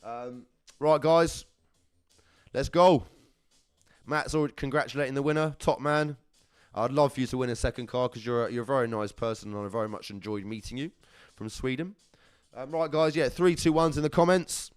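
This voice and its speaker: A man's voice: medium pitch, moderate pace, clean tone, no echo. Chatty man hosting a live draw. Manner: chatty and upbeat, calls viewers lovelies and brother. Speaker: live competition draw host. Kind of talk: casual livestream chat.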